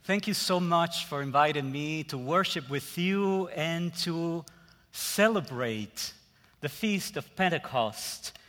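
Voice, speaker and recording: A guest preacher from Puerto Rico, speaking with a Puerto Rican Spanish accent, delivers a sermon in a church sanctuary, and the recording carries a long church reverb. His voice is a little high and animated, yet he preaches slowly in measured phrases, with dramatic pauses and endings that trail off softly.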